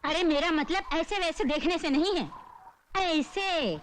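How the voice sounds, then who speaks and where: Casting: a bossy middle-aged village aunt, high voice, faint noise behind. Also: female voice, unhurried. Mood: stern. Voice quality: bossy, matter-of-fact. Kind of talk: dubbed film dialogue.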